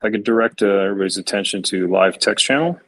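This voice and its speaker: Deep, husky man walking through a chart. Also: a bit bright, no room sound, low-quality recording. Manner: measured, hedging, with restarts. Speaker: stream host and chart analyst. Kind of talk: live stream chart commentary.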